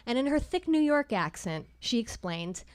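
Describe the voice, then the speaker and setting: A woman's voice: on the high side, sing-song, darkish tone. Wry woman telling a story live. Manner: wry, measured, with dry comic timing. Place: live storytelling show at a small venue.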